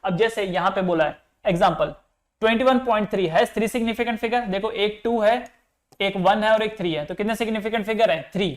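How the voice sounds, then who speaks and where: A man's voice: high voice, moderate pace. Hindi physics teacher quizzing his class. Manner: explains step by step, asks the students questions; mixes English terms into Hindi. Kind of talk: classroom lecture.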